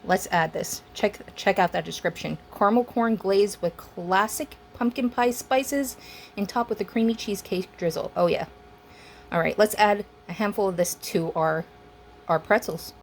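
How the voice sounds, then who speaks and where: A young woman hosts her own home cooking video, chatting eagerly as she tastes her snacks. Her voice sits at an ordinary middle pitch. Faint room ambience hangs behind her. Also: moderate pace, a little hiss or hum. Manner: chatty and enthusiastic, talks while chewing. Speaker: food vlogger. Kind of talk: casual cooking demo and taste test.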